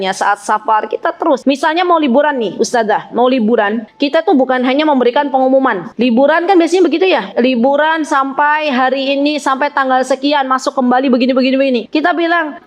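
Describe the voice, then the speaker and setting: A woman giving a training lecture to teachers on teaching children the Quran, animated and often exclaiming in praise. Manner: acts out high, lively calls to children.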